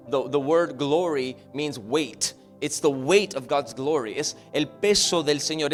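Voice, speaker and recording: A man preaching, who says every line once in English and once in Spanish. His voice sits a little high, and quiet music plays under him. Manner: preaching loudly in the opening, then quiet and halting as he tells a personal story; hesitant, repeats words as he searches for them. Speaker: pastor. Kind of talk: bilingual sermon, repeating each line in English and Spanish.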